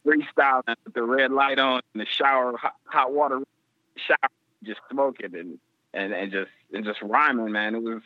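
A man's voice: medium pitch, moderate pace, no echo. Guest, male, middle-aged, from Detroit; loose slangy storyteller on a choppy, breaking-up call. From Detroit, USA. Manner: laid-back, slangy, rambling with many fillers. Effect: phone line breaking up. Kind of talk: casual storytelling interview. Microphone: phone. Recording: tinny dry phone line.

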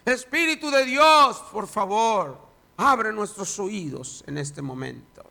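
A man's voice: high-pitched, animated, slow, creaky, sharp tone. A man preaching a sermon in church, reading scripture dramatically and then leading a prayer. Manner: dramatic reading, voice rising and falling. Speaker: pastor.

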